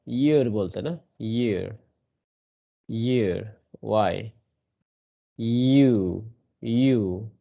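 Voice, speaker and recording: In an online class, a man with a medium-pitched voice teaches English grammar, drilling sounds repetitively and asking checking questions. The sound is lo-fi.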